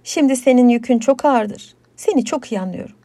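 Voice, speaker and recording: A woman's voice: fairly high pitch, a little fast, warm tone, dry recording, voice pushed up, natural voice. A woman voicing a friendly, naive male villager on horseback, earnest and apologetic in a folktale.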